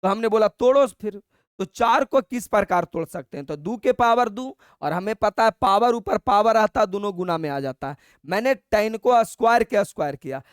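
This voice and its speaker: A man teaches an exam-prep maths class, his voice sitting high and coming through smooth and clear. He talks in a colloquial, coaxing way, calls the students brother, and dictates each step slowly, repeating it. The sound is dry and close to the mic. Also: expressive, no room sound.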